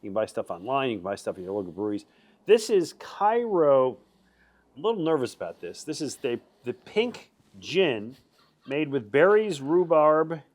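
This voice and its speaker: A man's voice: mid-range voice, normal speed. A male TV co-host in a bottle shop chatting casually on air during a beer tasting, joking and teasing his partner. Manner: jokey, animated, teasing. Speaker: TV show co-host.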